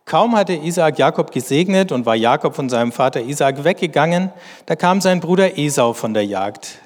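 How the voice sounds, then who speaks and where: A man reads scripture slowly and deliberately, then explains it in measured commentary. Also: fairly high pitch, lively intonation. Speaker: bible teacher. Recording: long hall reverb.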